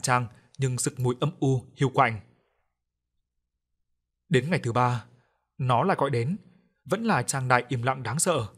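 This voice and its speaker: A man's voice: mid-range voice, measured pace, long pauses, a bit bright. A man narrating a horror audiobook in a dramatic storytelling manner.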